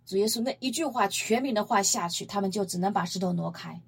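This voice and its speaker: A woman's voice: medium pitch, fast talker, gravelly, breathy edge. A woman preaching a Bible-teaching sermon, retelling scripture emphatically and posing rhetorical questions to her listeners. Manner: emphatic, lively storytelling.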